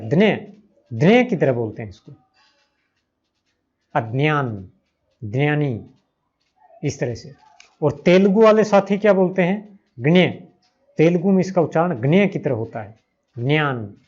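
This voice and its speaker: A man's voice: fairly high pitch, darkish tone. A man teaching Sanskrit grammar with a Hindi accent, patiently repeating each sound aloud for his learners. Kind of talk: slow spoken grammar lesson. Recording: slightly dull lo-fi recording.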